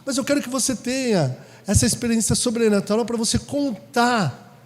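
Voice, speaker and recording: A pastor preaching a sermon in a conversational way, asking the congregation questions. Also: male voice, extremely high pitch, normal speed. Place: church hall. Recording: reverberant church hall.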